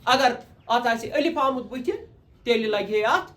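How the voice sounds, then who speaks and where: Slow-speaking male teacher. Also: very high-pitched, a bit bright, faint music behind. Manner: repeats points and quizzes students. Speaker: English teacher. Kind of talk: classroom lecture. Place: classroom with students.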